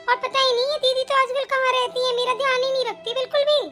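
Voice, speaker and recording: A spoiled young daughter-in-law, voiced by a woman, mocking and whiny in an animated family drama. Her voice is very high and bright. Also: fast talker, faint music behind. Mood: sneering. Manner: whiny, sneering.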